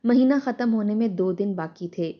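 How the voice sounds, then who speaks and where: Female storyteller, steady scripted narration, slightly muffled recording. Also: medium pitch.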